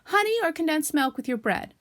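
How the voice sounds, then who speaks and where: Woman doing a fussy high-voiced storybook rabbit. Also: expressive, a little fast, a bit bright. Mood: politely welcoming. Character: Rabbit, fussy cautious polite male storybook rabbit. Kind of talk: children's storybook character reading.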